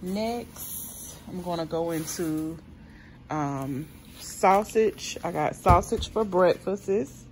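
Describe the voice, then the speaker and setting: A woman from South Carolina shows off her grocery haul, chatting unhurriedly to viewers and calling them y'all, with plenty of ums along the way. Her voice sits lowish with a darkish tone, and there's slight background noise.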